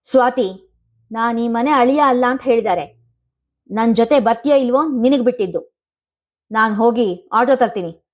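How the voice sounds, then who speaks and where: A woman's voice: fairly high pitch, normal speed, long pauses, lightly acted. A woman voicing a short-tempered young husband in a family storybook reading, speaking with a raised, resentful voice. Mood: hurt.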